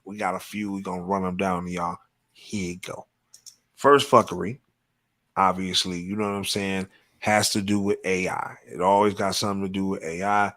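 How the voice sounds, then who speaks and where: Here a podcast host speaks at normal speed in a low, slightly bright voice with a flat delivery. Hosting live, he keeps up crude, emphatic, casual banter and often says "you know what I'm saying."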